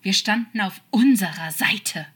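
Woman doing a hissing heartbroken male demon, bright husky voice, pleading and forced joking, storybook reading. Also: sits low, monotone, normal speed, heavily acted. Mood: desperate. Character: hurt, sarcastic male demon, hissing and desperate. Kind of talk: audiobook fan-fiction reading.

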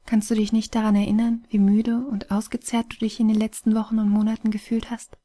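A woman voicing a weary, wise phoenix spirit that is fading away, speaking calmly and softly in an audiobook reading. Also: on the high side, a little fast, close to an everyday voice. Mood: gentle, sorrowful.

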